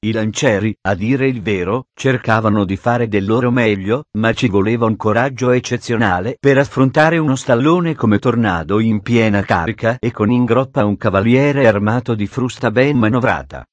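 A man narrating an adventure storybook in a steady, dramatic reading on a close studio microphone. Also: fairly low pitch, normal speed, few pauses, no echo. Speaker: audiobook narrator.

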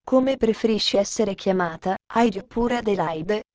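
A woman voicing a lonely twelve-year-old girl who chatters in a gentle, musing way. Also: mid-range voice, normal speed, no echo, close to an everyday voice.

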